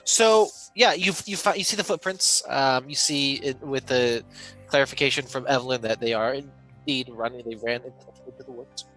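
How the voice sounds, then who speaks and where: A man narrating a tabletop game over a voice call, halting with fillers while his audio cuts out and words get chopped off. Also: medium pitch, sharp tone, soft background music, poor audio. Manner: hesitant, halting with many fillers and restarts. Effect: choppy online audio with cut-off words. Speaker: game master. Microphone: online voice call.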